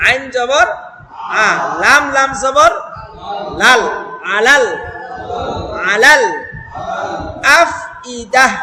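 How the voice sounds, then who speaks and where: A man teaching Quran reading, spelling out syllables and chanting the verse slowly. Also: very high-pitched, crowd noise. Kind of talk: Quran reading lesson with recitation. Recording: echoey hall with noise.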